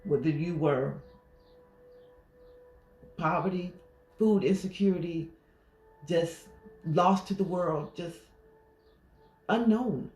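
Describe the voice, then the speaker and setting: A woman's voice: on the low side, takes it slowly, pauses often, a little mellow, soft background music. Woman life coach in a roomy echo. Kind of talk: affirmation talk.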